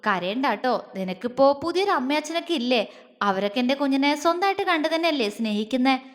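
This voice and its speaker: A woman voicing a tender young husband who talks to his wife in a soft, affectionate, coaxing way. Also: sits high, animated, fast. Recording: long reverb.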